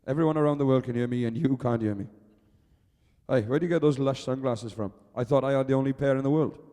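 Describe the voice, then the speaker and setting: Welsh man, arena announcer, mellow voice, long echo, chatty and teasing. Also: mid-range voice, steady tone, racing. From Wales. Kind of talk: live event commentary. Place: outdoor arena. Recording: echoey arena PA.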